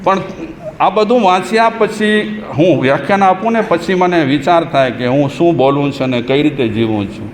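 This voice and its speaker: A man's voice: a little high, moderate pace. A man, a Jain monk, giving a sermon in a conversational, humorous way and chanting verses in between. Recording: echoey hall with faint noise.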